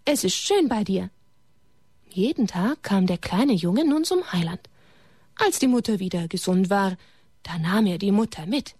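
A woman reading a religious story aloud to children in a gentle way, turning to them with questions and sometimes dropping to a whisper. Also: mid-range voice, animated, normal speed, husky, no echo, studio quality.

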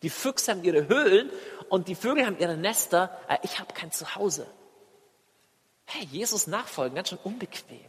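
A man preaching a sermon in a lively, animated way, asking his listeners many direct questions. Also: high voice, moderate pace, husky. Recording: long reverb of a large hall.

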